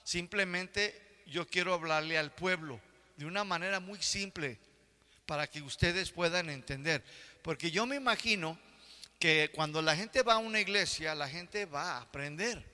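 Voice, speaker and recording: A man's voice: fairly high pitch, moderate pace, sharp tone, long reverb tail. An older man preaching a sermon as pastor, often checking that the congregation is following along. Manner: asks the congregation for agreement.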